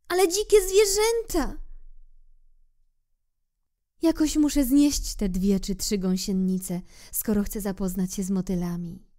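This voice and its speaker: A woman's voice: high-pitched, mellow, voice pushed up. A woman voicing a proud dainty flower. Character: proud delicate female flower, haughty and brave.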